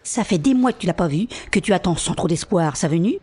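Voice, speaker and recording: A shrill, scornful inner voice that nags its owner, put on by a man in an audio drama. It sits high with a dark, husky edge. It scolds relentlessly. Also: lively intonation, a little fast.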